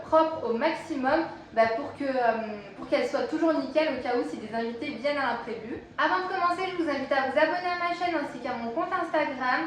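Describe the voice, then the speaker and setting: A woman with a slight slushy lisp, chatting casually as a vlogger in an echoey bathroom. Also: high voice. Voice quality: slight lisp from dental aligners. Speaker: home organisation vlogger. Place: small bathroom, indoors. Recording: echoey tiled bathroom, some background noise.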